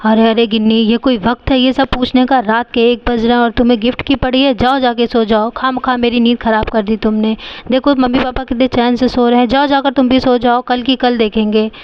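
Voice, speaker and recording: A woman's voice: on the high side, fairly even intonation, a little fast, smooth, dry recording, muffled recording, close to an everyday voice. A woman voicing a sleepy boy doll who scolds his little sister irritably. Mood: grumpy. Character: grumpy sleepy boy doll, older brother.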